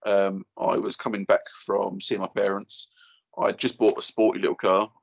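A man's voice: on the low side, flat delivery, normal speed, vocal fry. A man in his thirties with an Essex accent, telling an anecdote in casual, blokey, slangy chat. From Essex, England. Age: 30s. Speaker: podcast guest and YouTuber.

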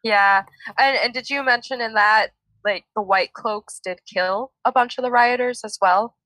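Bright, animated female podcast co-host. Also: a little high, moderate pace, dry recording, rough recording. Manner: animated plot recap with frequent laughs. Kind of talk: casual book-club podcast chat.

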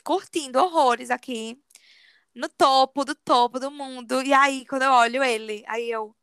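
A woman telling a personal story to a friend in a confiding, animated way. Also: high voice, unhurried, clear, resonant tone, no room sound, studio quality. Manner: animated confiding storyteller, often says "amiga". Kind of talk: casual storytelling chat.

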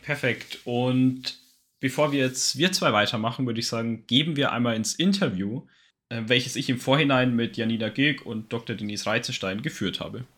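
A man's voice: mid-range voice, moderate pace, a bit bright. A young adult man hosting a podcast in casual conversation, asking questions and moderating. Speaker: podcast host.

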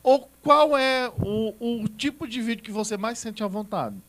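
A podcast host with a mid-range voice. The talk is relaxed and jokey, with long, wandering questions. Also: mid-range voice, a little slow. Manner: relaxed, joking, rambling questions. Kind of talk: casual interview chat.

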